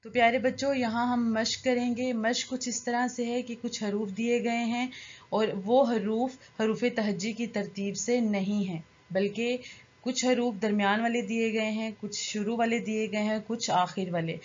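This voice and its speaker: A woman teaching a children's Quran reading lesson, reciting letter sounds slowly one by one and patiently explaining them. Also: a little high, fairly even intonation, darkish tone. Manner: slow, drilled syllable recitation. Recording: dull lo-fi audio.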